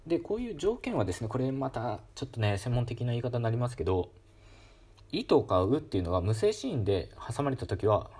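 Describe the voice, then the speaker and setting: A man giving a calm, casual educational talk on pronunciation, demonstrating sounds aloud with frequent fillers. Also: mid-range voice, fairly quick, husky. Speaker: solo talk host explaining linguistics.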